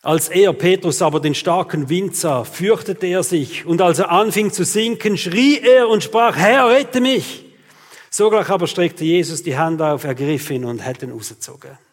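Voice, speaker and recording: Man, forties, pastor preaching, fairly high voice, long hall reverb. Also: normal speed, hardly any pauses. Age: 40s. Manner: speaks straight to listeners, often tags on "oder?". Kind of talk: sermon.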